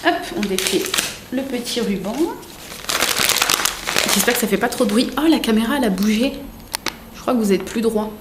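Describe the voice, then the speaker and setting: A woman's voice: fairly high pitch, normal speed, pauses often, heavy background noise. Gushing young woman in a roomy room. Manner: gushing, chatty, full of fillers. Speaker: vlogger. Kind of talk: casual unboxing chat.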